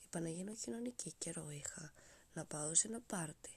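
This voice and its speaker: A woman's voice: fairly low pitch, creaky, darkish tone, slightly rough. A young woman hosting a podcast in a casual, rambling, sarcastic monologue that often drops to a whisper, her voice congested after a cold. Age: young adult. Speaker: podcast host.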